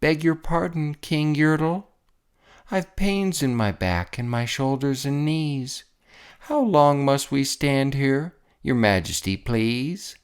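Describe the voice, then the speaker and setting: Storyteller doing a humble little turtle, male, pleading, groaning, polite, higher-pitched, slow, storybook character. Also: lively intonation, smooth. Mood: timid, pleading. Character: meek, plain little suffering turtle, male.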